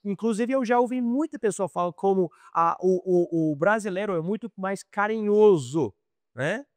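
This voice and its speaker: American missionary, middle-aged, high-pitched, dry close sound, chatty lesson delivery with restarts. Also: male voice, lively intonation, moderate pace, no room sound. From United States. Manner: conversational, repeats and restarts words, acts out quoted dialogue. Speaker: missionary teacher. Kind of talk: informal Bible lesson.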